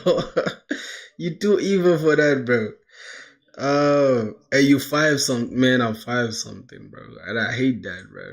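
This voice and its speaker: A man in his twenties from South Sudan, chatting casually on a coding live stream, dropping "bro" into nearly every line and reading chat aloud. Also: medium pitch. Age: 20s. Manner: slangy, says "bro" constantly, laughs, reads chat aloud. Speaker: livestreamer coding toward a job.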